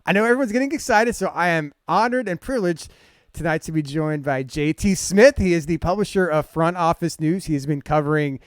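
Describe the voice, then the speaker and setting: Man, sports host, smooth crisp voice, dry sound, casual, halting. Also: fairly high pitch, dry recording. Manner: relaxed, halting with fillers. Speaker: podcast host.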